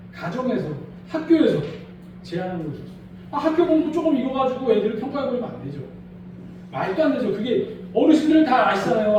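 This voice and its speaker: A male pastor preaching a Sunday sermon in a small church, animated and acting out quoted voices. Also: very high-pitched, heavy reverb, distant mic, muffled recording, a little hiss or hum.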